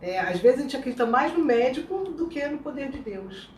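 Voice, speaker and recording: A woman's voice: high voice, lively intonation, a little fast, darkish tone, distant mic. Encouraging Brazilian woman pastor hosting. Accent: Brazilian Portuguese. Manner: encouraging, affirming, frequent tag questions. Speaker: pastor, host. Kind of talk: casual chat with preaching tone. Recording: roomy sound, speaker away from the mic, faint noise.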